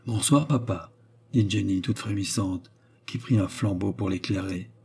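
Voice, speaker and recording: A man narrating a classic novel as an audiobook, in a measured, even reading. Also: sits low, vocal fry, husky. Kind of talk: scripted narration.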